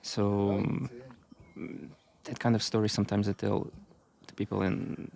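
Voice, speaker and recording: A man from Russia talking as a podcast guest, choosing his words slowly and carefully, with many pauses. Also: lowish voice, level tone, vocal fry, mellow. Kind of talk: casual conversation. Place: outdoors on a walking trail.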